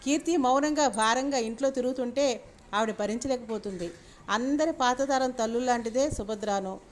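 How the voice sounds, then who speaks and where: A woman reading a serialized novel aloud in a steady, measured storytelling voice. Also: on the high side.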